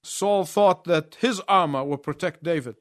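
A man preaching a sermon in short phrases, pausing so an interpreter can translate each one. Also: a little high, no echo, clean studio sound.

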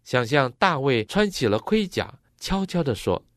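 A man interpreting a sermon phrase by phrase, matching the preacher's expressive delivery. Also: medium pitch, moderate pace, no room sound, clean studio sound.

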